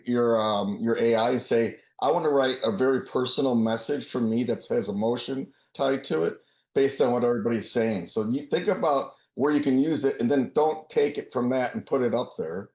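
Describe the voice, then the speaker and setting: A man hosting a business roundtable, giving tips in a quick conversational coaching tone over a video call. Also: medium pitch, darkish tone. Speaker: host. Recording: roomy, dull video call audio.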